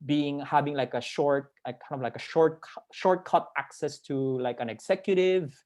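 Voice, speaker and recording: A young man from the Philippines, his voice a little high and slightly mellow, talks at a normal speed as a panelist on a video call. He shares his work experience casually, rambling and repeating words for emphasis.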